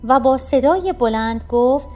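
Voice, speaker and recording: Woman reading a kids' story aloud, high voice, soft music under it. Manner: expressive, even storytelling. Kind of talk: children's story narration.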